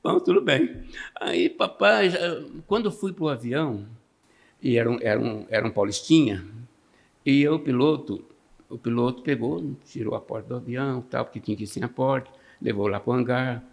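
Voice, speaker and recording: A man's voice: mid-range voice, expressive, normal speed, creaky. A man with a Brazilian Portuguese accent, a podcast guest telling funny life stories in a casual way and laughing often. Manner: laughs often, acts out quoted voices. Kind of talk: casual storytelling.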